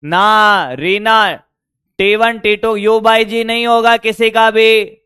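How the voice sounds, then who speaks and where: A male physics teacher, lecturing online at a board, his voice hoarse from shouting, coaxing students and checking whether they follow. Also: high voice, steady tone, takes it slowly, no echo, studio quality. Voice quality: strained, worn voice. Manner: coaxing, keeps asking if students got it.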